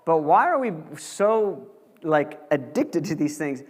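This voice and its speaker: A man's voice: a little high, very animated, takes it slowly. A young man giving a casual lecture to college students, chatty and joking, full of fillers. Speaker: guest lecturer. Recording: long reverb of a large hall.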